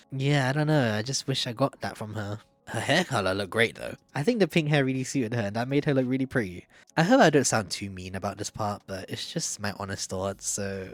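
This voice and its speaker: A man's voice: medium pitch, no room sound. A man giving casual, candid opinion commentary in a chatty way, often hedging with "like" and "I don't know". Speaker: video essayist.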